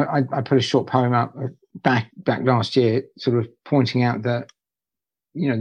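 A man's voice: medium pitch, a little mellow, breathy edge, no room sound, muffled recording. A male poet talking in a conversational interview, hesitant, often restarting and repeating words.

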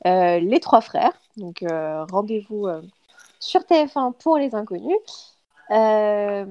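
A woman columnist on a live radio show presenting the evening's TV listings in a relaxed, hesitant way with filler sounds. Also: on the high side, dry recording, muffled recording. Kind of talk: casual live radio segment. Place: radio studio.

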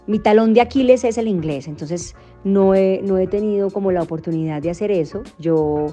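A woman's voice: medium pitch, a little fast, dark tone, faint music behind. A young adult woman from Colombia, a voice actor and singer, answering interview questions thoughtfully with frequent restarts and fillers.

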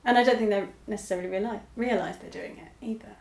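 A woman's voice: medium pitch, fast, creaky, echoey room. A woman who writes novels, talking casually and laughing often as she makes fun of herself. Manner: laughs often, self-deprecating. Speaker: novelist guest. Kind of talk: casual conversation.

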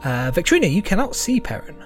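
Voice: medium pitch, very animated, fast talker, over music. A game master narrating a tabletop role-play game, improvising in an amused, hesitant way.

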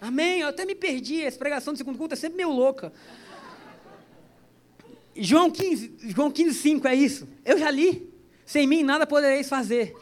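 A man with a strikingly high voice preaches a relaxed, conversational sermon. He jokes with the congregation and slips into storytelling as he goes. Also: normal speed, long pauses. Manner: chatty, joking, storytelling. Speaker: pastor. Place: church service.

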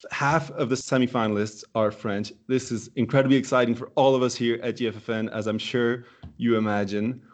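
A man hosting a casual football podcast, playful and quick to laugh. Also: medium pitch, fairly even intonation. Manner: playful, laughs often, drawn-out exclamations. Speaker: podcast host.

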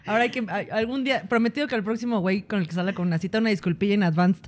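A woman's voice: medium pitch, racing. A woman with a Mexican accent co-hosting a casual podcast chat, joking and emphatic. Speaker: podcast co-host.

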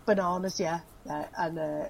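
A gravelly, lowish voice belongs to a middle-aged actress being interviewed, who reminisces casually with lots of laughter and fillers. Her tone stays steady at a moderate pace, and the poor-quality audio carries a little hiss or hum.

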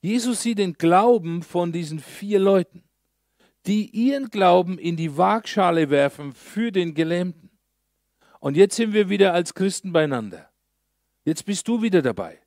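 A male pastor preaching a sermon, telling a story in a lively way with slow, emphatic pauses. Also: high-pitched, dry recording, studio quality.

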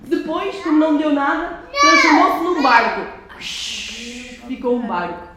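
A woman with a high, very animated voice reads a picture book aloud to children at an unhurried pace, pausing to ask them questions. She's a children's storyteller, and the recording is very noisy and made in a very echoey room.

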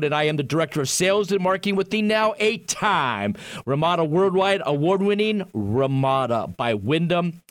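A man's voice: high voice, a bit bright, dry recording. A man hosting a radio show like a bombastic ringmaster, announcing in a showman's style and piling up effusive superlatives.

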